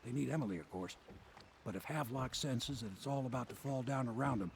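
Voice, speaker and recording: An actor playing a gruff, loyal, weary old sailor in a video game, plain-spoken and earnest like an old fisherman. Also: medium pitch, quick pace, lightly acted. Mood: grave, informative. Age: older. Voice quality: gravelly. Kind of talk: video game character dialogue. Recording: loud waterside noise behind. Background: water and boat ambience.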